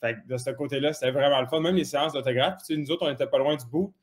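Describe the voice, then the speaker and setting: A man's voice: mid-range voice, racing. A young man with a Québécois French accent, a guest in a casual chat, easygoing and full of fillers.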